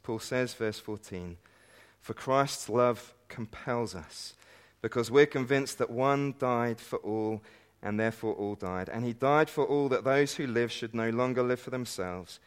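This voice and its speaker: A man's voice: medium pitch, unhurried, clean tone. A man preaching a sermon at a conference, earnest and emphatic, with light self-deprecating asides. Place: conference meeting hall.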